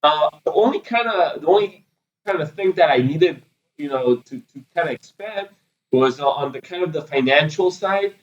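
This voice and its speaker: A man's voice: fairly high pitch, animated, moderate pace, lo-fi sound. A man in his thirties from Israel, answering interview questions in a loose, rambling way full of fillers. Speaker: podcast guest, PR agency founder.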